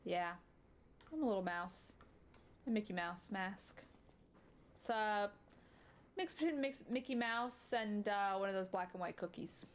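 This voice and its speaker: A woman's voice: medium pitch, expressive, a little slow, pauses often, a little hiss or hum. A woman hosting a game playthrough, chatting in rambling asides and letting out sudden startled yelps. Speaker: let's play host. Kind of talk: casual gaming chat. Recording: game music under the voice. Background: game music.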